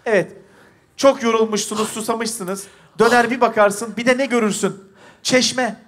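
High-pitched man directing a comic scene. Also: steady tone, moderate pace. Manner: bossy, laughing, shouting cues. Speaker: host directing an improv scene. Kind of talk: stage improv direction.

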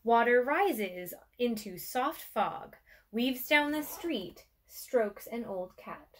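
A museum educator reads a children's picture book aloud slowly and expressively, her voice a little high with a fairly bright tone. Her phrasing is measured and deliberate, with pauses. She's indoors in a small furnished room with an armchair and a bookshelf.

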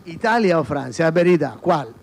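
A man's voice: on the high side, lively intonation, normal speed, gravelly, crowd noise. A middle-aged man hosting a comic TV show, teasing his interviewees with mock outrage and holding a handheld mic indoors. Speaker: comic TV host. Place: indoor studio and shops. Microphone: handheld microphone.

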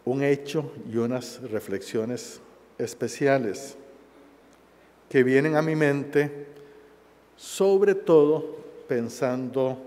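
A man in his sixties giving a formal, solemn speech at a university forum, speaking slowly and deliberately into a headset mic in a large auditorium. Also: medium pitch, a little mellow. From Costa Rica. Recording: long auditorium reverb.

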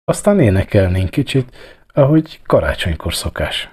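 A man voicing a shy, earnest ten-year-old girl who speaks softly. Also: lowish voice, sing-song, husky.

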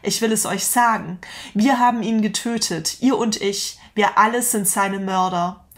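A woman's voice: medium pitch, unhurried, natural voice. A woman voicing a frantic prophetic madman, declaiming a long chain of passionate questions. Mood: impassioned. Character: frantic grown man, a prophetic madman with lantern.

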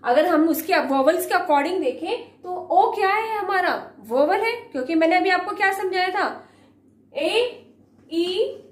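Indian lady teacher, really high voice, reads out grammar rules slow, asks the kids and answers herself. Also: expressive, echoey room. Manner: explains slowly, often asks students questions and answers them herself; mixes Hindi and English, slowly reads rules aloud. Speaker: school teacher. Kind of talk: recorded grammar lesson.

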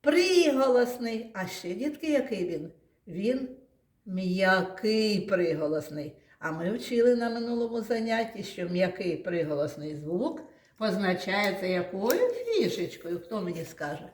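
A woman's voice: mid-range voice, very animated, a little slow, darkish tone, roomy sound. A woman teaching a phonics lesson to small children, talking in a patient, sing-song way. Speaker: kindergarten teacher.

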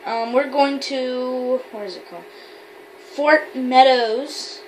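A woman's voice: high-pitched, slow, slight background noise, rough recording. A woman giving rambling, chatty gameplay commentary while role-playing as a trucker, with many fillers and self-corrections. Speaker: gamer.

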